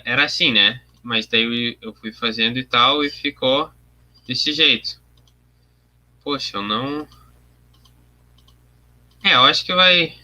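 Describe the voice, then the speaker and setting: A young man talks through his coloring work on a livestream. His voice sits at an ordinary middle pitch but sounds very bright and forward. He thinks aloud as he goes, explains each step to his chat and answers viewer comments in a loose, casual way. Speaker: artist streaming his work.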